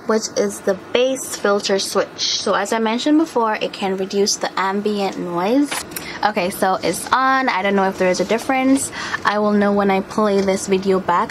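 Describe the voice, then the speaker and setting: A woman's voice: mid-range voice, noisy background. A woman vlogger talking casually at home while unboxing and testing a microphone, often asking viewers for feedback. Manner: chatty, filler-heavy, asks viewers for feedback. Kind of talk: casual unboxing and mic test. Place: indoor room with a fan. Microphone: camera mic and clip-on mic, changing distance.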